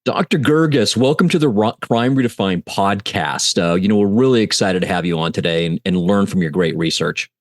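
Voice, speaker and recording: A man co-hosting a podcast with a low, steady voice and an upbeat, welcoming delivery. His voice sounds close and dry, with no room behind it. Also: brisk, few pauses, dry recording. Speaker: podcast co-host. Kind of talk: podcast interview.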